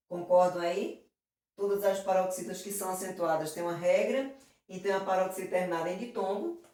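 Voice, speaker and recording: Woman, teacher, exam prep lesson, affectionate, diminutives, constant check-ins, far from mic, very echoey. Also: lowish voice.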